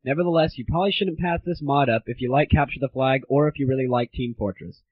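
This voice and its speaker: A young man with a mid-range voice talks quickly while hosting a gaming audio show. His reviews are casual, opinionated, irreverent and full of slang. It's a slightly dull lo-fi home recording.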